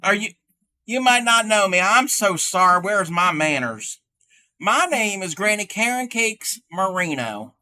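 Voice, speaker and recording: A man playing a chatty ninety-year-old grandmother who hosts a livestream, rambling folksily and halting with fillers. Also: high voice, expressive, bright, forceful tone, full character voice. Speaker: livestream host showing crochet. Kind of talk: in-character livestream chat.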